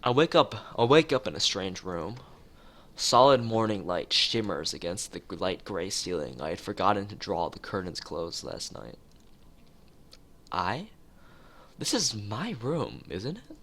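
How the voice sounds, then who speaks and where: This streamer reads a visual novel aloud in an unhurried, sing-song way, his somewhat low voice carrying a bit of brightness. He tosses in casual asides and sometimes trips over his words, with music playing behind him.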